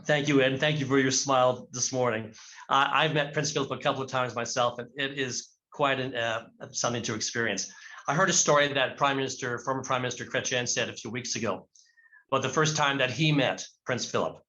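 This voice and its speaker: Bright-voiced man hosting a live event. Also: mid-range voice, steady tone, a little fast. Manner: friendly, chatty. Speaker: host.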